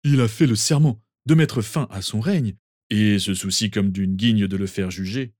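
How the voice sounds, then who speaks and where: A man reading a story aloud, voicing a senior male auror who sounds measured and doubtful. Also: on the low side, a little mellow, dry recording, clean studio sound, close to an everyday voice. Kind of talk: audiobook character reading.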